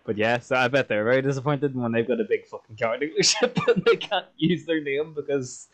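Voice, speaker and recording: A man's voice: medium pitch, lively intonation, fairly quick. An Irish man co-hosting a casual podcast chat, joking, swearing freely and laughing often. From Ireland. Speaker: podcast co-host.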